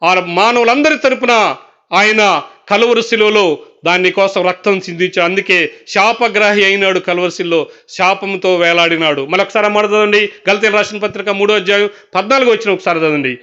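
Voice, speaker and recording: High, bright-voiced male preacher. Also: brisk, clean tone, highs cut off. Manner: storytelling, rising to impassioned proclaiming; asks the listeners if they follow. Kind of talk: Christmas sermon, audio message.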